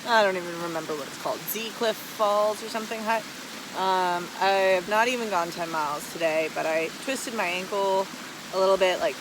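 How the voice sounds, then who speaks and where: Casting: American trail vlogger, medium pitch, casual hesitant rambling, recorded outdoors with loud running water. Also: background noise. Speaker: vlogger, long-distance hiker. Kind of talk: casual rambling video diary. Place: outdoors beside rushing waterfall. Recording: loud rushing water behind voice.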